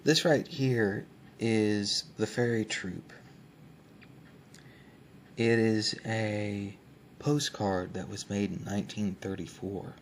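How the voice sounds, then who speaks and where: A man hosting ASMR in a soft, unhurried way, often near a whisper, pausing as he describes things. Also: on the low side, fairly even intonation, slight background noise. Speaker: ASMR host. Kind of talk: soft ASMR book show-and-tell, often dropping to a whisper.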